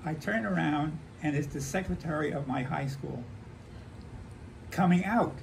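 An American man in his nineties, an old veteran remembering the past in halting, conversational stories, repeating himself and acting out remembered dialogue. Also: a little high, vocal fry. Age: 90s. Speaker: war veteran interviewee. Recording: noisy handheld home recording.

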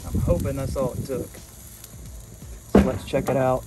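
A man's voice: medium pitch, level tone, normal speed, over loud music. A man working as an HVAC technician, explaining a repair outdoors in a casual, plain-spoken way with fillers. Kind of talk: on-the-job explaining. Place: outdoors at an air conditioning unit.

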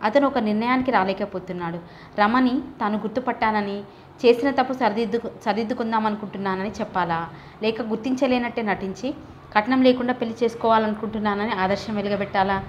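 A woman reading a novel aloud as an audiobook narrator, steady and measured. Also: mid-range voice, muffled recording, slight background noise. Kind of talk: scripted narration.

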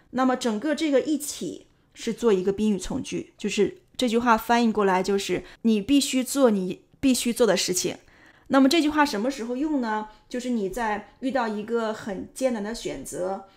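A woman's voice: medium pitch, a little mellow. A woman English teacher patiently explaining sentence structure and pronunciation step by step, with frequent filler sounds.

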